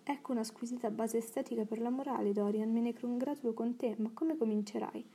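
A woman reading an audiobook, voicing a worldly, witty older male English aristocrat in an urbane, calmly persuasive manner. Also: a little high, brisk, creaky, husky.

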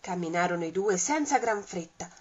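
A woman reading a rhyming children's story aloud in a lively, rhythmic, expressive way. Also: lowish voice, moderate pace, slightly rough. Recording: dull lo-fi sound.

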